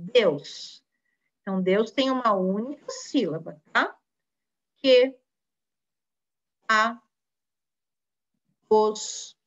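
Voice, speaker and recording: A woman with a Brazilian Portuguese accent teaching a recorded lesson to children, slow and patient, encouraging, full of diminutives. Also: on the high side, a bit bright, muffled recording. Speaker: primary school teacher.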